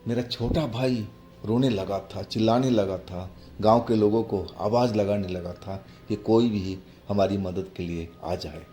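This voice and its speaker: A man telling a horror story in the first person, halting and hushed. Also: on the low side, a little hiss or hum. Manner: slow, halting, hushed retelling. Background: faint music.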